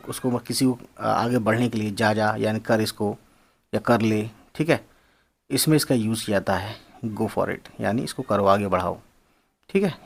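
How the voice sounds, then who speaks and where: Guy explaining english slang casually, spells stuff out, says things twice, talks to viewers like friends. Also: mid-range voice. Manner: spells words out and repeats phrases, addresses viewers as friends. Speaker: English teacher.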